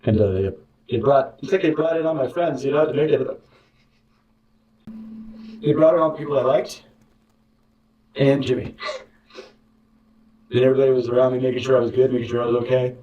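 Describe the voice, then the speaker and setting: A man's voice: mid-range voice, fairly quick, long pauses, lo-fi sound. A man recounting a bitter experience as an interview guest, rambling and sarcastic. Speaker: interview guest, former contestant. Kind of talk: candid storytelling. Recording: roomy, distant mic.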